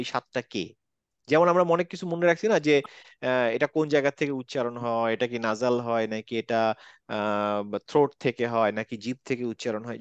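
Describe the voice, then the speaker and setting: A man's voice: a little high, no echo, lo-fi sound. A man teaching a Quran recitation class online, explaining and repeating letter sounds patiently, mixing English words into his talk.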